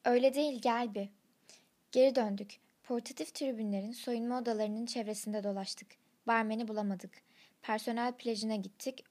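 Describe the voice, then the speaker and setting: A woman's voice: fairly high pitch, a little mellow. A woman reading a first-person story aloud, in blunt, slang-laden narration.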